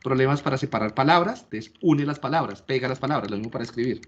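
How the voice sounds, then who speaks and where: A man's voice: mid-range voice, lively intonation, quick pace. Lecturing man, dull lo-fi recording. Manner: explanatory, checks understanding with frequent rhetorical questions. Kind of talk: classroom lecture.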